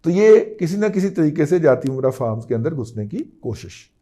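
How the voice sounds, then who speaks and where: A man's voice: fairly high pitch, very animated, normal speed, mellow. A man, giving an emphatic news-analysis monologue as a political commentator, often checking in with the listener.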